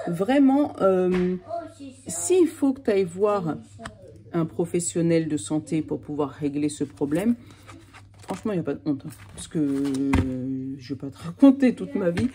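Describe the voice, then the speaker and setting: A woman giving a casual, chatty tarot card reading, talking straight to the listener in a reassuring way. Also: mid-range voice.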